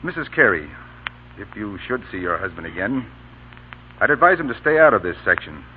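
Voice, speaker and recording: Through the muffled noise of an old radio recording, a male actor in a 1930s-40s drama speaks in a lowish, sing-song, brisk voice. His Union army colonel is commanding yet courteous and gentle, stern but kindly, barking clipped military orders in a gentlemanly manner.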